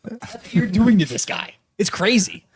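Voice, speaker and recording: A man's voice: sits high, sing-song, normal speed, slightly rough, no room sound. A man hosting a podcast, teasing and laughing in casual chat. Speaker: podcast host.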